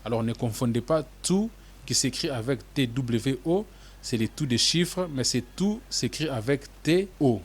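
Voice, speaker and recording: Man calmly explaining a lesson. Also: medium pitch, slightly rough. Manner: measured, explanatory, spells out terms. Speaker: English teacher.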